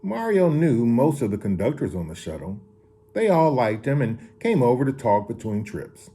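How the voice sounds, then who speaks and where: Warm, expressive man reading a children's story. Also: mid-range voice, moderate pace. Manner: expressive reading with occasional restarts. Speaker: story reader. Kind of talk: children's story read-aloud.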